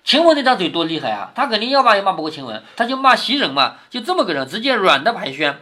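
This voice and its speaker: A man's voice: sits high, big pitch swings, quick pace, bright, forceful tone. A man reading a classic novel aloud to his daughter, explaining it with lots of rhetorical questions. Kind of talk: storybook reading with commentary.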